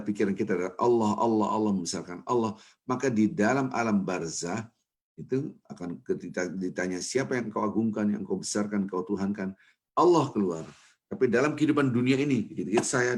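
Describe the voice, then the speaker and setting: A man giving a morning mosque sermon as a preacher, lively and acting out little everyday scenes with mimicked voices. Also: lowish voice. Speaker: ustadz, preacher.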